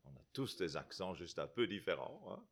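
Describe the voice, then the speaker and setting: Very animated and low-voiced, this guest preacher from Belgium speaks at a moderate pace. The middle-aged man, with his Belgian French accent, addresses the congregation conversationally, restarting sentences and adding tag questions.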